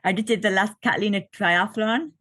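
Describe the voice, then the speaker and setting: This ultra triathlete, a woman in her late fifties, talks casually on a podcast via video call, laughing a lot and filling her speech with fillers. She speaks fairly quickly in a medium pitch, slightly bright, with no echo.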